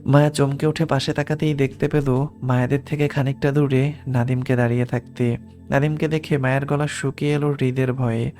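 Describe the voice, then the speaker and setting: A man narrating an audiobook in a steady, even storytelling manner. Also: medium pitch.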